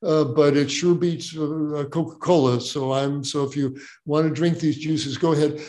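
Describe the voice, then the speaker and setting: Older male doctor, folksy and joking, relaxed Q&A advice. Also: on the high side, normal speed. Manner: folksy, joking, repeats words as he explains. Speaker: doctor answering audience questions. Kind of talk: casual Q&A advice.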